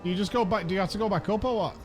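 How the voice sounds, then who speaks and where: High-voiced man doing casual game commentary. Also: racing, soft background music. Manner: informal, sweary. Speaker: gamer narrating his playthrough.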